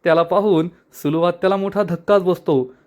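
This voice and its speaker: A man recapping a TV serial episode as a story, lively and reading out the characters' lines himself. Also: high voice, normal speed. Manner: lively, reads dialogue aloud.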